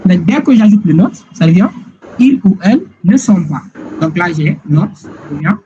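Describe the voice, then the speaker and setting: A man teaching English grammar in a slow, repetitive classroom style, often checking whether listeners follow. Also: sits high, very animated, dark tone. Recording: dull lo-fi sound with clear background noise.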